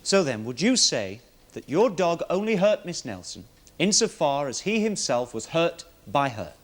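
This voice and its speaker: Barrister, crisp pointed questions, fairly high pitch, 1970s TV courtroom drama. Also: male voice, sing-song, normal speed. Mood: probing. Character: probing barrister cross-examining a witness.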